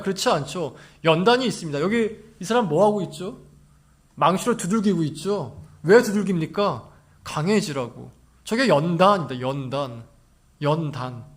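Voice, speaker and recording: A man preaching a sermon as pastor in a church, acting out quoted lines and rising to emphatic shouts. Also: high-pitched. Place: church sanctuary.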